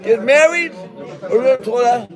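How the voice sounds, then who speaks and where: A man teaching a Talmud class, animated and joking, calling on students by name. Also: very high voice, a little slow, a crowd in the background.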